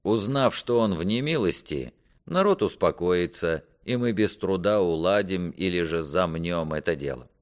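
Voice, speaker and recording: A man voicing an ambitious, scheming duke who speaks in measured, courtly phrases. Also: sits low, animated. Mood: calculating. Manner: measured, smooth courtly speech. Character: scheming ambitious middle-aged male duke.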